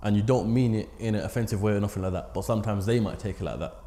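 A man's voice: on the low side, rapid-fire, dark tone. A man with a London accent interviewing someone in casual, slangy chat.

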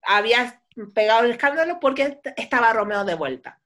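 A woman's voice: a little high, sing-song, fairly quick, fairly bright tone. A woman retelling a story in casual chat, laughing often and acting out quotes.

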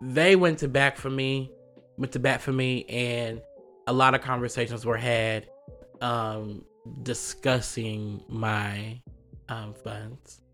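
A man hosting a podcast, telling a personal story in a casual, animated way, laughing often and acting out the voices he quotes. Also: mid-range voice, takes it slowly, faint music behind. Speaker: podcast host.

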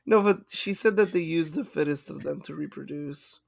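Podcast host guy, gravelly voice, dry close sound, lots of uhs. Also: fairly high pitch, normal speed, no room sound. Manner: hesitant, filler-heavy. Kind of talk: casual chat.

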